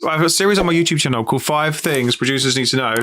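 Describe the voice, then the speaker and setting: Male interviewer, quick pace, slightly high voice, casual and chatty. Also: background noise. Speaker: interviewer and video series host.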